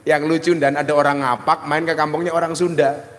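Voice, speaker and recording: A man's voice: fairly high pitch, flat delivery, a little fast. A middle-aged man with a Javanese accent preaching a humorous sermon, joking and switching between his own talk and mock voices. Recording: long hall reverb.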